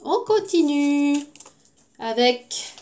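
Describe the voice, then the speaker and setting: A tired woman teaching young children, slow and patient, stretching out her words. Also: high-pitched, very animated, darkish tone. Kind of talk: classroom lesson for young children.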